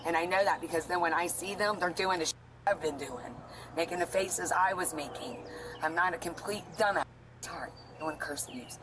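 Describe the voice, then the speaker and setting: Agitated woman, profane, rambling, lower voice, outdoors, noisy body cam audio. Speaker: woman questioned by police. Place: outdoors at a house. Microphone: police body camera.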